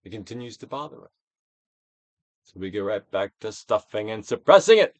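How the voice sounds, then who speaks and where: On the low side and very animated, a male actor's voice carries a dramatic audiobook reading of a self-help book. He shifts between hushed near-whispers and strong projection and pauses deliberately, with no room sound at all.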